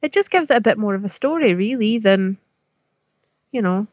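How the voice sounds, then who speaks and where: A woman's voice: medium pitch, animated, moderate pace, darkish tone, no room sound, highs cut off. A British woman in casual podcast chat, informal, teasing and self-deprecating.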